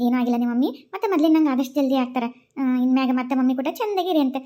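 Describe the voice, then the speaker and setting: A woman voicing a calm, firm woman detective in a cartoon, with a North Karnataka accent and a commanding, reassuring way of giving orders. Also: high-pitched, rapid-fire. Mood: fond. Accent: North Karnataka Kannada. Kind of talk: cartoon voice acting.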